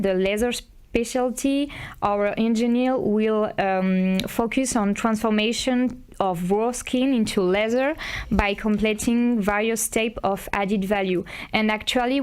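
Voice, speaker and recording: A woman, head of international relations, explaining her school in a live online session with measured pauses. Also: medium pitch, clear, resonant tone. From France.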